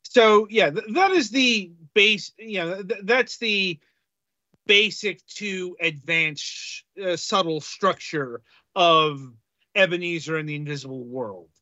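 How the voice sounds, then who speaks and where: A man co-hosting a casual game-review podcast, talking haltingly with many fillers. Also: sits high, bright, forceful tone, no room sound, muffled recording. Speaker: podcast co-host reviewing games.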